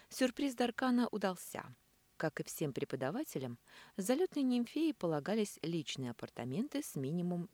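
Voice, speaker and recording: Woman, audiobook narration, low pitch, lively melodic reading, dry close sound. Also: dry recording. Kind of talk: first-person fantasy audiobook narration.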